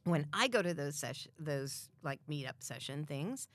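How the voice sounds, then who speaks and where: A middle-aged American woman talks casually as a podcast guest, her voice on the low side. She laughs easily and fills pauses with "um" and "like". The recording is close and dry. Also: animated, dry recording. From United States. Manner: chatty, laughs often, many fillers. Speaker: podcast guest, expat group admin. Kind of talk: casual chat.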